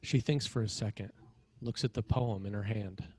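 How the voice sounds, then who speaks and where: For a table read, a man with a fairly low, darkish voice narrates a screenplay, reading the scene headings and action lines. His tone is steady and his pace moderate.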